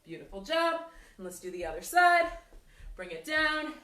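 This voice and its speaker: Breathless high-voiced woman fitness instructor. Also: big pitch swings, normal speed, bright, forceful tone. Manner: encouraging, counting down reps. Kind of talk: workout class instruction. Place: fitness studio. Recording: echoey room, mic at a distance.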